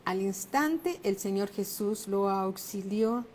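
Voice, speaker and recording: Woman pastor, middle-aged, unhurried emphatic sermon delivery at a medium pitch. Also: expressive, a little mellow, a little hiss or hum. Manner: slow, emphatic preaching, raising her voice for exclamations.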